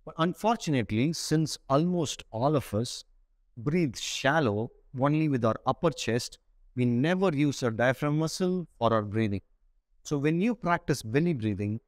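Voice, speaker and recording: Guy in his 40s teaching breathing to camera, short phrases, medium pitch, really dry lapel mic sound. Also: dry recording. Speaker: breathing meditation instructor. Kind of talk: spoken instructional lesson to camera. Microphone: clip-on lapel mic.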